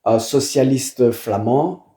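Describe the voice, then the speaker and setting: Homme belge à la voix sourde, pièce résonnante. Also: male voice, mid-range voice, slow, warm tone, echoey room. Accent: Belgian French. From Wallonia, Belgium. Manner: hesitant, many fillers and repeated words. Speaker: guest. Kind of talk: casual conversation.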